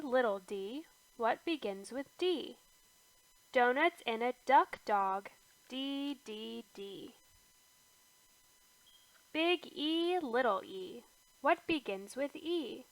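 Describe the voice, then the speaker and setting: Her high voice lifts on every capital letter and falls to a near whisper on the repetitions as a woman reads an alphabet book aloud to toddlers, unhurried and well spaced. The audio is poor, close and dry, with no room around it.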